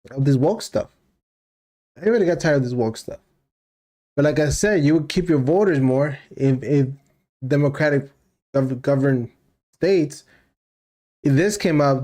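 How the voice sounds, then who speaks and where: A man hosts a live reaction stream, with a mellow, dark-toned voice. He rants bluntly and repeats his points in loose, casual talk. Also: a little high. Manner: blunt, repetitive ranting. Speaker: livestream host reacting to news clips.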